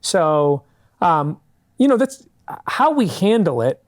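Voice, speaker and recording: Speaking slowly, with big swings in a slightly high pitch, a man answers interview questions in a public TV studio. He founded a fundraising company, and he earnestly explains his views at length, frequently starting over.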